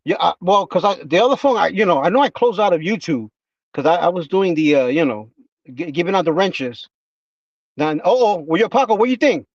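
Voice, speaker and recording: Rambling high-voiced man chatting on a livestream. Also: expressive, no room sound, far from the mic, muffled recording. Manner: rambling, halting with many fillers and restarts. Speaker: livestream host. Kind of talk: casual livestream chat.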